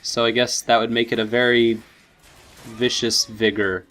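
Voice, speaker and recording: Man giving casual game commentary, medium pitch. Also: completely flat delivery, a little fast, a bit bright, clean tone. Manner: easily impressed, thinking aloud. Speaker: gaming video host. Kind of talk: casual let's play commentary.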